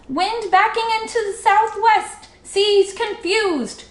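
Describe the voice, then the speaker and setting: A woman's voice: very high-pitched, takes it slowly, echoey room, voice pushed up. A woman reading a storybook, voicing a plucky little male mouse sailor who calls out in clipped nautical phrases. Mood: alarmed calling.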